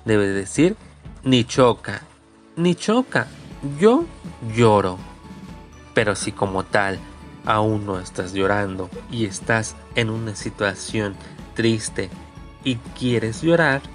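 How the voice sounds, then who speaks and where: A man teaching vocabulary at an unhurried, deliberate pace with a somewhat low voice. He says each word several times over, patiently, like a lesson recording. Faint music plays softly underneath. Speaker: language teacher.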